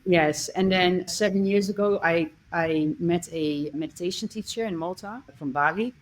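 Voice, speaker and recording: A woman's voice: fairly low pitch, normal speed, low-quality recording. A middle-aged woman from the Netherlands, a coach speaking as a podcast guest and telling her story in an earnest, conversational way. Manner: earnest, listing experiences with small restarts.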